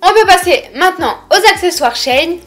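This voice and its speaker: A woman's voice: very high voice, lively intonation, normal speed, over music. A young woman with a lisp on her s sounds, chatting casually and informally as she presents a shopping haul.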